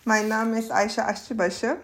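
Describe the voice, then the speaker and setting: A Turkish woman in her thirties from Istanbul, an SAP consultant, answers conversationally as a podcast guest, often giggling between phrases. She has a Turkish accent and a slightly high, fairly bright voice that moves little in pitch and goes at a slow pace.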